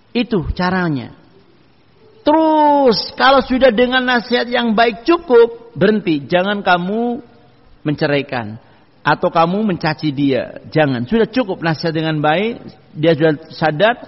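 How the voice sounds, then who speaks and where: A male preacher delivers a sermon, his voice pitched high for a man. He gives homely advice and drops in Arabic quotes. The recording sounds dull, with a long hall echo. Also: lively intonation, a little slow.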